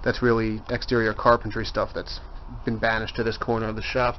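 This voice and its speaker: A man's voice: on the low side, level tone, a little fast, a little hiss or hum. A man giving a casual walking tour of his cluttered home woodshop, pointing things out as he goes. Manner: chatty, points things out as he walks. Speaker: woodworker giving a shop tour. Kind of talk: casual handheld walkthrough. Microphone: handheld camera mic. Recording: dull lo-fi camcorder audio.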